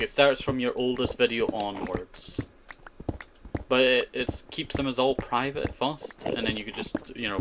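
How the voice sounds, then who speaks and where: Over background noise and keyboard clicks, a man with a mid-range voice streams a survival game, rambling to viewers and answering chat with plenty of "you know" and "I tell you."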